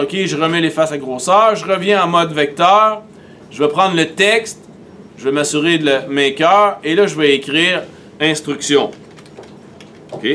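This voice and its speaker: High-voiced Québécois teacher demonstrating steps. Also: male voice, sharp tone, slight background noise. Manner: methodical, step-by-step, talks through each click. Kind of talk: screen-recorded software tutorial.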